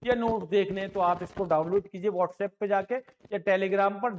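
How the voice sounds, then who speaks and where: A man's voice: high voice, a little hiss or hum. A man teaching a maths lesson online, encouraging his students and repeating each point patiently, with English terms mixed into his explanations.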